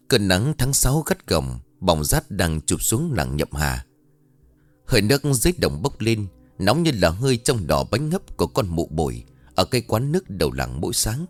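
Low-voiced male storyteller, animated delivery, ghost story audiobook, quiet music under. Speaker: narrator. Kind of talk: scripted ghost story narration.

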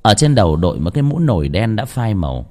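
A man narrates a ghost story in a low voice that climbs and falls with a lot of movement. His reading is dramatic and expressive, and a long reverb trails behind each line. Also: fast.

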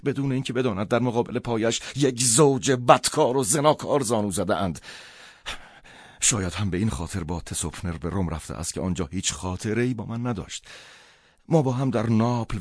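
A man reading a novel aloud as an audiobook narrator, in measured first-person storytelling. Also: on the low side, darkish tone, no echo, studio quality.

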